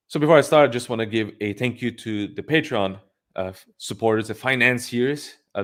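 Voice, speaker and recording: A man hosting a livestream, giving blunt, opinionated commentary and thinking aloud with frequent restarts. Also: lowish voice. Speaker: livestream host.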